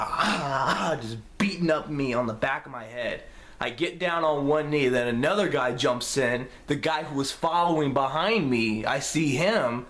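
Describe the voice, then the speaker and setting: Young male vlogger, casual storytime delivery, swears freely and tells it with energy. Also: mid-range voice. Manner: profane, animated storytelling.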